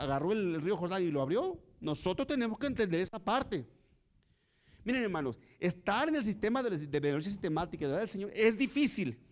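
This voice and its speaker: A man preaching a sermon to his congregation, telling a story and asking rising rhetorical questions. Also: sits high. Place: church.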